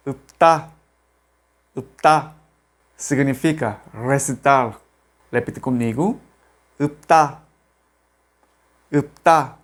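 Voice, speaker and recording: A man teaching a language lesson, speaking slowly and repeating each example word for the listener to say after him. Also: medium pitch. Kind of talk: slow, deliberate language lesson.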